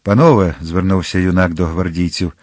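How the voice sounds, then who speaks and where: Low-voiced man narrating an audiobook. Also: moderate pace, no room sound, studio quality. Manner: steady, expressive reading.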